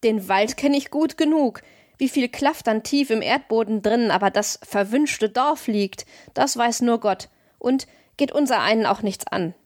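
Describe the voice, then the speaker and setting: Folksy old forester voiced by a woman, audiobook, blunt and gruff, dry close sound. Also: on the high side, a little slow, no echo, natural voice. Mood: wary. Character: gruff, good-natured old male forester. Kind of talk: audiobook reading.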